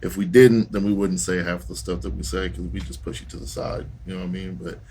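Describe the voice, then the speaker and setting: Laid-back low-voiced male podcast host. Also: steady tone, fast talker, a little mellow, slight background noise. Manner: laid-back, appreciative, slangy. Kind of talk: casual chat.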